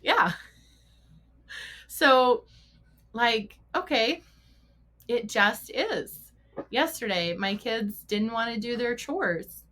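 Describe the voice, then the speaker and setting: A middle-aged woman hosts a casual solo podcast as a mental performance coach for riders, her voice fairly high, bright and pushed. She draws out words, pauses often and lets her intonation rise and fall in a lively way. Along the way she asks rhetorical questions, corrects herself and laughs a lot.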